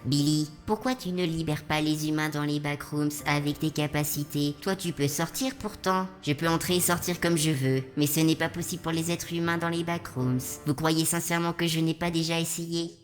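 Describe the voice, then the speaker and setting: Woman as robot vlogger, low robotic voice, deadpan, calm, scripted narration, soft background music. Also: lightly acted. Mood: deadpan, matter-of-fact. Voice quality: synthetic robot voice. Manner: deadpan, measured. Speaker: channel host. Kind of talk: scripted narration in a fictional vlog.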